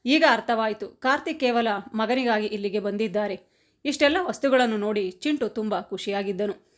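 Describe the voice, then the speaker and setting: A woman reading a family story aloud as scripted narration, in a steady, even voice. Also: medium pitch, normal speed.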